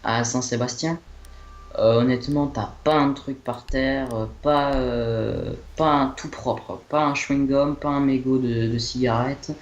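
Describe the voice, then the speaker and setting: A man's voice: medium pitch, fairly even intonation, unhurried, muffled recording. A young man chatting casually about his holiday, hesitant, with many fillers and restarts. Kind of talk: rambling casual chat. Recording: echoey room, faint noise.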